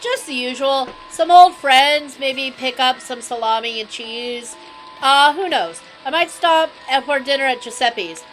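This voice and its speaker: A steady, no-nonsense FBI agent, read by a woman streamer. She talks in a high voice with a lively pitch. Faint music plays behind her. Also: unhurried, poor audio. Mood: matter-of-fact. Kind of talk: voicing game dialogue on a live stream.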